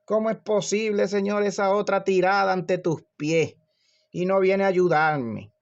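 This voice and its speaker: A man's voice: high-pitched, measured pace, muffled recording, voice pushed up. A man voicing an exasperated, busy woman who complains shrilly from the kitchen.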